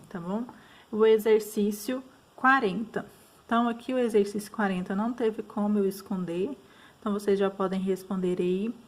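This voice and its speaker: A woman's voice: mid-range voice, a little mellow. A woman teacher with a Brazilian Portuguese accent, patiently explaining school exercises, often checking in with her students. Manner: patient, frequent fillers and checks like "tá bom?".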